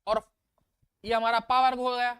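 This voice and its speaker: A man's voice: very high-pitched, little pitch movement, normal speed, a bit bright, clear, resonant tone, dry recording. A man teaching an online exam-prep class, repeating letter sounds aloud and asking students coaxing questions.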